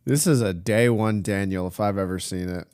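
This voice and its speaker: A young man streaming, reacting to clips in casual chat, excitable and swearing, shouting in disbelief at big plays. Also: on the low side, clear, resonant tone.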